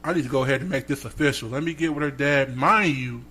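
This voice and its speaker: A man's voice: mid-range voice, quick pace, slightly rough. A man co-hosting a podcast, telling a story in casual, slangy chat and acting out the people he quotes. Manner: animated, slangy, acts out quotes. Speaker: podcast co-host.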